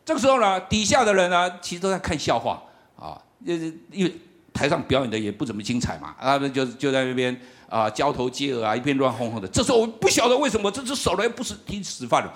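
A middle-aged man, giving a lively, humorous sermon testimony and often laughing as he tells the story. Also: medium pitch, quick pace. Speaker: campus ministry worker.

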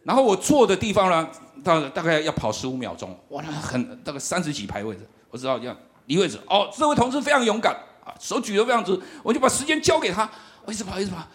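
A middle-aged man, giving a lively, humorous sermon testimony and often laughing as he tells the story. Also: high voice, fast talker. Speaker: campus ministry worker.

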